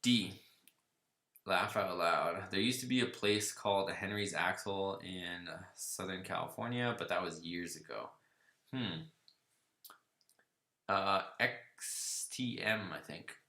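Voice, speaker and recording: A man's voice: deep voice, takes it slowly, bright, forceful tone, reverberant. A man hosting a casual livestream Q&A, reading viewer comments aloud and chatting back loosely. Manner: laid-back, reads viewer comments aloud and riffs on them. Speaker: host of a car channel livestream. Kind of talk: casual live Q&A reading chat.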